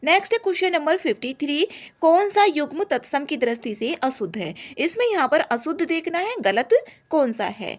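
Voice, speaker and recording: A young woman teacher walks through exam answers one by one in quick, repetitive explanations. Her voice sits high and moves a great deal. She keeps pressing on from one question to the next. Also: sing-song.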